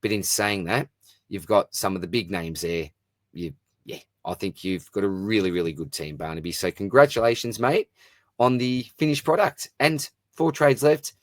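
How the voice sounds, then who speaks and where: A man with a fairly low voice hosts a casual mailbag show on his own. His delivery is informal and matey, full of blokey slang as he reads questions and gives his take. The sound is dry, with very little room in it. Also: moderate pace, dry recording. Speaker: host of a fantasy sport Q&A show. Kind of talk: casual solo mailbag commentary, reading out questions and answering.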